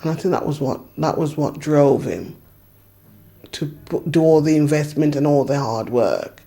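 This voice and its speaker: A woman in her fifties speaks in an interview with a gravelly, fry-tinged voice. She reminisces thoughtfully and earnestly, circling back on her phrases with a steady "you know". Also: low-pitched, moderate pace. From Jamaica. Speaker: community activist. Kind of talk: reflective interview recollection.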